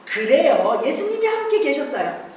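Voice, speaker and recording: A woman's voice: high voice, sing-song, normal speed, darkish tone, a little hiss or hum. A woman preaching a Bible story to children at a church service, acting out the disciples' cries in a raised voice. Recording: echoey distant church room recording.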